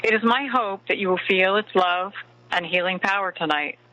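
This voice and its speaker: A man giving a slow inspirational talk in the style of a guided meditation, with deliberate, spaced phrasing and pauses. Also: high-pitched, sharp tone, low-quality recording. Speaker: spiritual teacher and meditation host.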